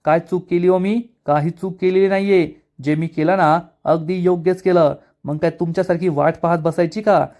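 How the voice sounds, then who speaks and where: A man's voice: sits high, fairly even intonation, normal speed, hardly any pauses. A man reading the lines of a furious young man who defies and accuses his father, raising his voice. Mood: defiant. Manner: shouting, accusing.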